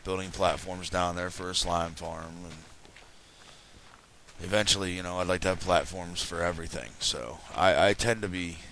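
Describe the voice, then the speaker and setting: Early in the morning, a let's play host with a low, raspy voice, still sleepy from just waking up, chats through a game at normal speed. His tone is bright and forward as he rambles casually and corrects himself. A faint hiss runs beneath the recording.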